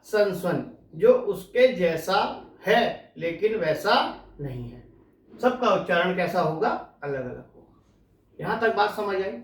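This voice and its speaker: High-voiced male teacher in an echoey room. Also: recorded from a distance. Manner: asks the class questions and answers them himself; slow, deliberate explaining with drawn-out stressed words. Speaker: Hindi linguistics teacher. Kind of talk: exam-prep lecture. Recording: echoey room, voice away from the mic.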